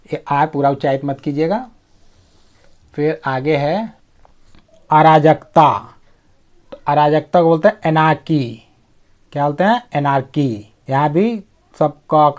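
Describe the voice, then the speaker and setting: This is a male English teacher from India. He runs a vocabulary lesson. He asks his own questions and answers them, leaning on key words by drawing them out. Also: fairly high pitch. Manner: drawn-out stress on key words.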